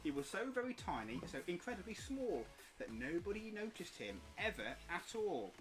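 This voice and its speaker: British man, very animated storybook reading over music. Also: high-pitched, normal speed. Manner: playful, expressive. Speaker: streamer and parent reading a bedtime story. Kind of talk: animated rhyming storybook narration.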